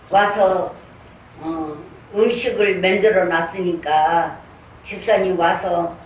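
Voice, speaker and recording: In a church sanctuary, captured by a distant mic in an echoey room with faint noise, an older woman pastor preaches and gives personal testimony. She tells her story earnestly and acts out her prayers, speaking in a medium-pitched, slightly mellow voice.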